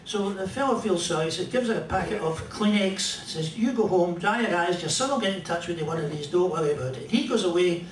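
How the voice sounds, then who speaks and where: An older Scottish comedian and musician with a fairly high, lively voice delivers stand-up stories in a dry, rambling style full of pauses. He performs on a small club stage in front of a band, speaking into a stand mic. A distant camera captures him, so the roomy club sound and background noise come through clearly.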